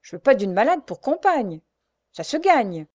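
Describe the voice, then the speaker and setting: A woman's voice: fairly high pitch, very animated, measured pace, a little mellow, pitched above the performer's own voice. A woman voicing a coarse, pushy female thief speaking in rude street talk, reading a storybook. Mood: scornful.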